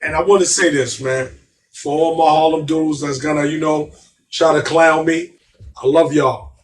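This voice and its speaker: A man's voice: on the high side, fairly even intonation, normal speed, recorded from a distance, slight background noise. A middle-aged man with a New York accent, telling stories in casual, emphatic street talk and repeating himself. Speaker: guest.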